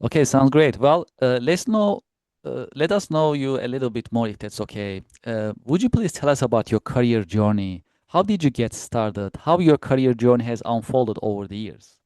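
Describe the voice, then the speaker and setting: A man's voice: mid-range voice, lively intonation, moderate pace, a little mellow, no echo. A man hosting a podcast interview, politely thanking his guest and hesitating with frequent uhs. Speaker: podcast host.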